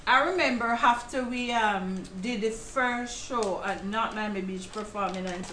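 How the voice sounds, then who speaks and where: A woman's voice: fairly high pitch, a little slow, reverberant, background noise. A woman guest, an actress and playwright, telling a story in a casual chat, laughing often. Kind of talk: casual talk show chat.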